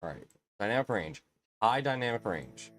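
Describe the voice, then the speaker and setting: A man's voice: lowish voice, very animated, normal speed, soft background music. A man in his late twenties hosting a casual live stream, rambling and chatty with lots of fillers and restarts. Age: 20s.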